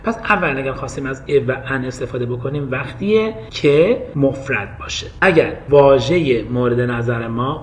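A man's voice: medium pitch, slight background noise. A man with a Persian accent teaching English grammar, explaining patiently and mixing Persian with English examples.

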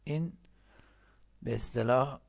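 Male English teacher, heavy vocal fry, patient, repeats phrases slowly. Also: medium pitch, darkish tone. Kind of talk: recorded language lesson.

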